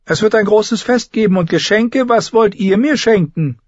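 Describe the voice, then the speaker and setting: Cruel teenage boy king, read by a man: high, loud, sneering, commanding; dry storybook narration. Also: normal speed, no room sound, highs cut off. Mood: sneering, bullying.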